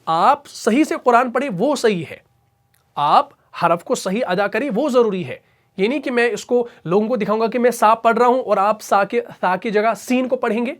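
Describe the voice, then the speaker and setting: A man teaching a tajweed lesson. He explains pronunciation briskly and drills syllables slowly and repeatedly. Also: very high-pitched. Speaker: Quran recitation teacher. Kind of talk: tajweed lesson with recitation examples.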